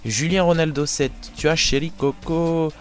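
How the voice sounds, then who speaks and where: A man's voice: fairly high pitch, steady tone, moderate pace, faint music behind. A man hosting a live show in casual chat, reading out listener messages with joking banter. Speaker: host.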